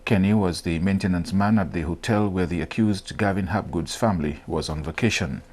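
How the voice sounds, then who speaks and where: A male news reporter reads a scripted report in a very deep voice. His delivery is measured and formal. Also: darkish tone, slightly rough.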